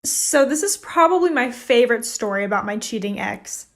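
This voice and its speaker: A woman's voice: on the high side, expressive, normal speed, a bit bright. A young woman telling a personal story in a casual, wry, gossipy way. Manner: wry, gossipy, dry asides.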